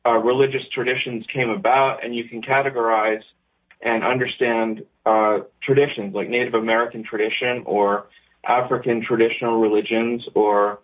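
A man's voice: medium pitch, little pitch movement, normal speed. A male caller on a speakerphone over an internet call, explaining his point hesitantly with many ums. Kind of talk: call-in radio talk. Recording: tinny phone-like call line.

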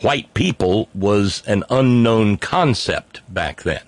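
A man hosts a live stream, reading out viewer chat in a casual, unscripted monologue that rambles wryly with plenty of fillers and restarts. His voice is on the low side, expressive, and slow. The recording is dry.

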